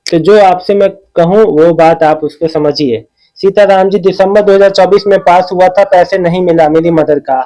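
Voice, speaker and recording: A man with a high-pitched voice talks in a relaxed, chatty way, answering his viewers' comments one by one. He keeps reassuring them and often checks in with "okay?" as he goes. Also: moderate pace, low-quality recording. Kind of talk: casual talk reading out and replying to comments.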